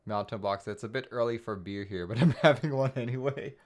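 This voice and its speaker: A man's voice: mid-range voice, fairly quick. A man from Taiwan hosting a live stream, chatting casually while greeting viewers and reading their messages aloud.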